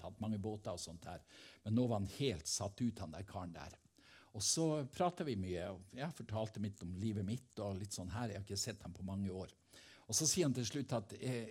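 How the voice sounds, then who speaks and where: A man's voice: on the low side, a little mellow, husky. A man giving a fervent devotional testimony as a preacher, telling stories from his own life. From Helgeland coast, Norway. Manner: fervent, storytelling.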